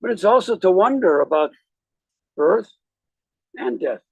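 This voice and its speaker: A man speaking as a rabbi at a graveside, giving a eulogy in a measured, reflective way with deliberate pauses. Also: high-pitched, big pitch swings, creaky, a little mellow, slightly rough, no echo, rough recording. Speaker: rabbi officiating at a funeral.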